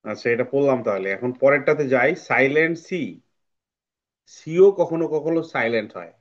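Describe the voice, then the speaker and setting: A man's voice: mid-range voice, normal speed, highs cut off. A man teaching an online English phonics class, patiently repeating words for drilling. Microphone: video call.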